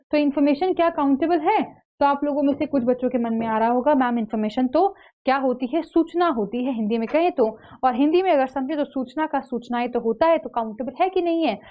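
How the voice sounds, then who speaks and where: Woman, Indian accent, high voice, online English lecture, keeps checking in with students, dull lo-fi sound. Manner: explains slowly, checks in with "theek hai?" after each point. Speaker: English teacher. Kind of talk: online exam-prep lecture.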